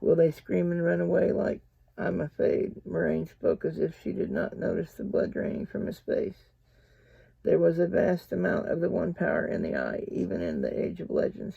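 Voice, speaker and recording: Gravelly-voiced man reading a novel. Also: on the high side, moderate pace, no room sound. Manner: steady, plain reading. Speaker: audiobook reader. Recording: dull lo-fi dry recording.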